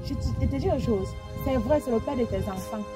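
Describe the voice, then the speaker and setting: A woman's voice: fairly high pitch, fairly quick, music in the background, lightly acted. A woman playing a scolding, lecturing friend. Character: blunt female friend, scolding and moralizing.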